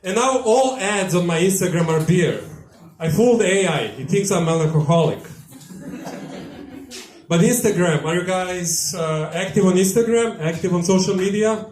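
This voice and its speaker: A man with a Yugoslav accent works a live stand-up set in a small tavern, his voice sitting fairly high for a man. He delivers dry, deadpan one-liners into a handheld mic. The room around him is echoey and bouncy. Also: normal speed. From former Yugoslavia. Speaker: stand-up comedian.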